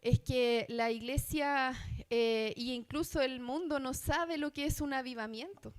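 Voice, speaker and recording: A woman's voice: sits high, unhurried, clean tone. A woman from Chile with a Chilean accent, preaching a sermon as a missionary in church, earnest and asking the congregation questions. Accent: Chilean Spanish. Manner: earnest, asks the congregation questions, many fillers.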